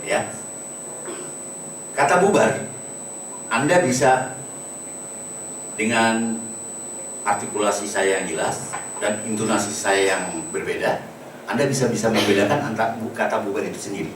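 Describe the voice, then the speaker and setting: A man teaches acting students, explaining and demonstrating words in different tones. His voice rings around a hollow room and sounds some distance from the microphone. Steady noise hums underneath. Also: fairly low pitch, a little slow, pauses often. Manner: instructive, demonstrates words with varied intonation. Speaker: acting workshop trainer. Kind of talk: lecture to a workshop. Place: large room at a workshop. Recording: echoey room recorded from a distance with background noise.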